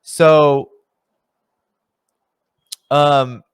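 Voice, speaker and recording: A man's voice: fairly high pitch, little pitch movement, drawn-out words, clear, resonant tone, no room sound, clean studio sound. A man hosting a solo political commentary stream, reading news aloud and talking it over in a conversational way, with fillers and restarts.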